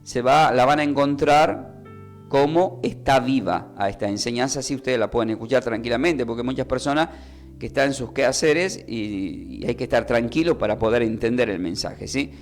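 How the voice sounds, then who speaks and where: A man preaching a Bible lesson for radio, in a teacherly way, asking questions and then answering them and repeating key words slowly. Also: medium pitch, soft background music.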